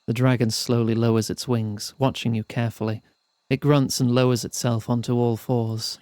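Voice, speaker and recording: A man streaming a fantasy role-playing game, reading its text aloud in measured storytelling style and chatting between passages. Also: medium pitch, level tone, a little mellow, smooth, no echo, studio quality.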